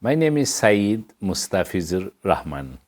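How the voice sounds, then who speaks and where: A middle-aged man from Bangladesh answers interview questions as a guest, speaking earnestly and plainly with non-native English grammar. His voice sits low and sounds a little mellow, and he is very animated yet unhurried.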